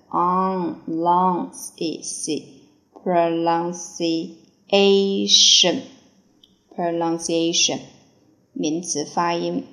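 A woman's voice: on the low side, vocal fry, echoey room. A woman teaching vocabulary, spelling each word letter by letter, repeating it, then giving its part of speech and meaning. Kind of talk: slow word-by-word vocabulary drill.

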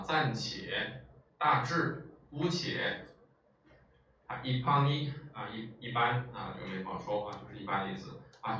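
A man delivers a classroom lecture, explaining points step by step and checking in with his students again and again. His voice sits a little low. The recording catches him from a distance in a strongly echoing room with a faint hiss underneath. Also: fairly bright tone. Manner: explanatory, frequent filler sounds and rhetorical checks. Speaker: Japanese language teacher. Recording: echoey room, far from mic, faint noise.

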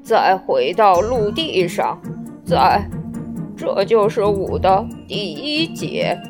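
A woman voicing a sad, slow-talking male mock turtle in a children's storybook reading, with soft music behind. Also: medium pitch, sing-song, voice pushed down. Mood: mournful. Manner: slow and mournful.

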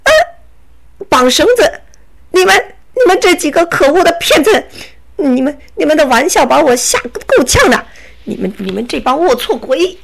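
A woman's voice: sits high, sing-song, normal speed, gravelly, voice pushed up, heavily acted. A woman voicing a scornful, gloating bandit man who stammers and mocks his captors, read as a children's story. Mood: outraged. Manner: mocking, stammering, bursts of laughter.

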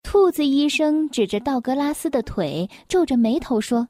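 A woman reading a children's picture book aloud, gentle, clear and expressive. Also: sits high, moderate pace, dry recording. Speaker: storyteller.

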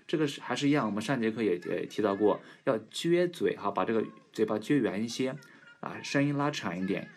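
A man teaching English pronunciation in a casual lesson, stretching model words slowly and clearly. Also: lowish voice, animated. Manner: slow drawn-out model words.

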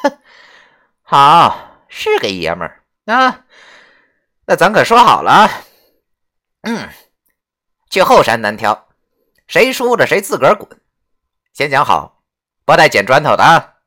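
A woman voicing a lecherous, rowdy old male ghost who blusters loudly and swears. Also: rumbling low, sing-song, normal speed, long pauses, exaggerated voice. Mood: swaggering. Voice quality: swaggering, foul-mouthed, loud bluster. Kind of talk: audio drama acting.

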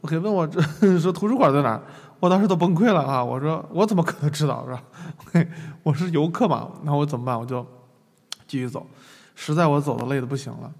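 A young man from China telling a lively, self-mocking travel story to an online class. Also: a little high, fairly quick, creaky, long reverb tail. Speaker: lecturer.

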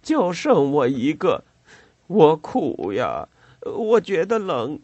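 A man reading an audiobook voices a hoarse, cringing river guide who sobs, stammers and begs for a drink. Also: medium pitch, very animated, a little slow, no echo, lo-fi sound. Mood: sobbing. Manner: sobbing, pleading and stammering.

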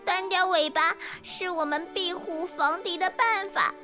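A tiny, timid baby gecko squeaks out each word in a very high, thin voice. It sniffles and whimpers between slow phrases over soft music in the background. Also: female voice, fairly even intonation. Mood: tearful, whimpering. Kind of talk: children's storybook voice acting.

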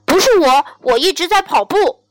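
A woman's voice: very high-pitched, lively intonation, moderate pace, no room sound, studio quality, faint music behind, voice pushed up. Woman doing a proud, scornful cheetah. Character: fast, proud, mocking cheetah.

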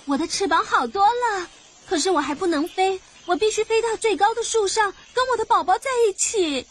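A woman's voice: very high voice, expressive, a little fast. A woman voicing a worried but grateful mother macaw in a children's cartoon. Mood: distressed, pleading. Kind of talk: animated children's show dialogue.

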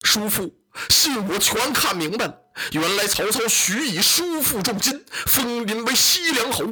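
Young general, grief-stricken and defiant, husky sharp edge, lower voice, done by a storyteller. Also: lively intonation, measured pace, full character voice, poor audio. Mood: grieving. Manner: declaiming in lower, heavier voice. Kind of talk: traditional storytelling.

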